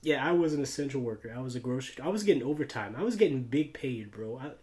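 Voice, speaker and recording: Talking quickly in an animated, mid-range voice with a darkish tone, an American YouTuber and podcast host rambles through casual chat and personal stories. His speech is slangy and full of "like," "dude" and "bro."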